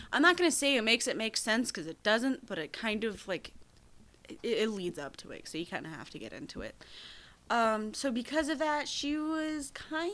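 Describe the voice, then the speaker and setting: A woman's voice: on the high side, a bit bright. A young woman co-hosting a true-crime podcast, chatting casually with lots of fillers, restarts and giggles. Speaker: podcast co-host.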